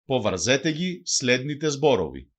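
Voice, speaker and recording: A man reads a scripted language lesson, his pitch rising and falling in an animated way. He says each word and then its translation in a steady, measured teaching rhythm. His voice sits at an ordinary middle pitch for a man. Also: breathy edge. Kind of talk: scripted bilingual lesson narration.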